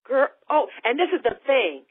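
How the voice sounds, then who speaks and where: Woman, middle-aged, talk show host, emphatic, testifying, fairly high voice, tinny phone sound. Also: sing-song, husky. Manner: emphatic, testifying, quick to interject. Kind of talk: casual faith talk show chat.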